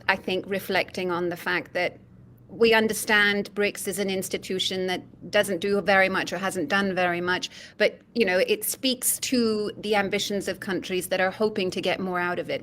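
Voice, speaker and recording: A woman from Indonesia speaking in a measured, reflective way on an opinion panel, often adding "you know". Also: mid-range voice, fairly bright tone, a little hiss or hum. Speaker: opinion columnist. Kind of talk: panel discussion.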